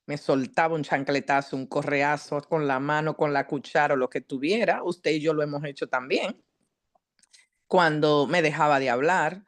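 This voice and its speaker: A woman psychologist giving a teaching talk at a church, addressing the congregation directly and asking them questions in a lively, earnest way. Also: low-pitched. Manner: lively, earnest preaching delivery.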